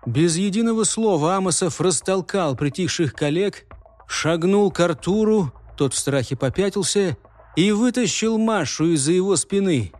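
A man narrating an audiobook in a steady, scripted reading style. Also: high voice, normal speed, no room sound. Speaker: audiobook reader.

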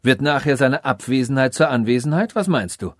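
A man's voice: mid-range voice, expressive, a little fast, no room sound, clean studio sound, close to an everyday voice. A man voicing a cruel robot king who mocks his sage and orders executions, in an audiobook reading. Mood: scornful. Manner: mocking, scornful and commanding.

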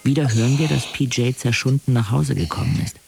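An actor narrates a radio drama in the first person as its main character, a determined young wheelchair user who arm wrestles. His mid-range voice is gravelly, fairly quick and close to everyday speech, telling the story tersely and matter-of-factly in present tense over loud background music.

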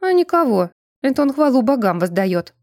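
A self-assured young student answers with a raised, bright voice, as a woman reading an audiobook puts her on. She is brisk and dismissive of teasing. The sound is close and dry. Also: high voice, sing-song, dry recording, pitched above the performer's own voice. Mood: confident. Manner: assured, brushing others off. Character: confident young female student in spectacles. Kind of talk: audiobook character voice.

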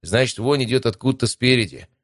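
Man voicing a teasing young adventurer, wisecracking, raised pitch, dry close sound. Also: fast, no room sound, lightly acted. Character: mocking joking young male adventurer. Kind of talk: audiobook character voice.

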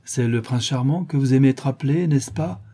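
A man's voice: mid-range voice, a little fast, warm tone, husky, voice pushed up, lightly acted. A man voicing a greedy, mocking old dockside woman with a cracked voice who sneers and jeers. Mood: sneering. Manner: sneering, jeering.

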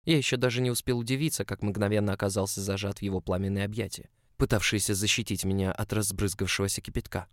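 A man's voice: on the low side, fairly even intonation, fast, hardly any pauses, dry recording, studio quality. A man narrating a first-person story aloud in an emotional, confessional way. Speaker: audiobook narrator.

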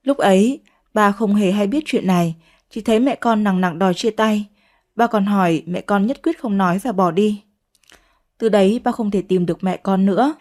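A woman voicing a gentle older father who speaks to his daughter in a soft, consoling way. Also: medium pitch, normal speed, natural voice. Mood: tender.

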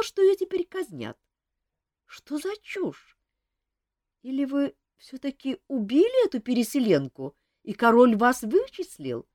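Woman voicing a quick sharp court lady, swoopy high lines, dry close audiobook voice. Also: no echo. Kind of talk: audiobook character reading.

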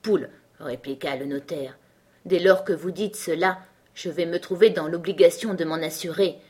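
A woman reading a composed middle-aged male lawyer in an audiobook, measured and reasoning. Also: fairly low pitch, a little mellow, breathy edge.

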